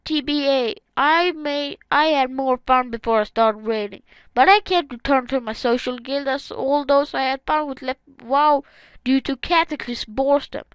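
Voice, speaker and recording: A woman's voice: high-pitched, fairly bright tone, clear, resonant tone, no echo, poor audio. A woman hosting a gaming channel, reading forum comments aloud and adding casual, wry, sarcastic asides.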